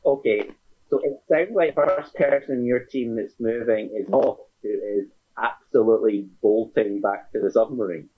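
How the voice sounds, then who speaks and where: A man narrates as game master, dryly amused and in no hurry. His voice is slightly husky. The recording is dull and lo-fi. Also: fairly low pitch, moderate pace. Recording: dull lo-fi sound.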